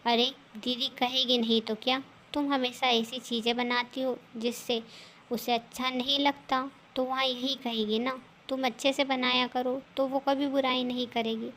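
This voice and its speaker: A woman's voice: high-pitched, little pitch movement, normal speed, a bit bright, slight background noise. A woman voicing a bossy, scolding older mother-in-law in a cartoon story. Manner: scolding, taunting.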